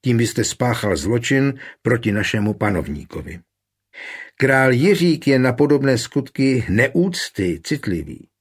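Man doing a plump, shrewd town burgomaster, husky and unflappable, in a storybook reading. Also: medium pitch, very animated. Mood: cool. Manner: composed, sly, lawyerly. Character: shrewd, calm, short plump male burgomaster. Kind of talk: audiobook character voice.

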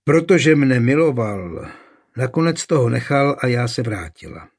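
A man's voice: mid-range voice, very animated, husky. A man voicing an older woman, a stern mother who talks firmly and scolds. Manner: firm, scolding.

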